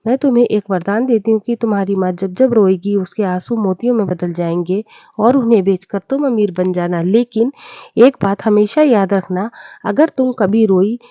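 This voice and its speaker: A woman voicing a kind, wise female fairy in a storybook, speaking calmly and consolingly. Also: medium pitch, normal speed, no room sound, highs cut off, lightly acted. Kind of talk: storybook voice acting.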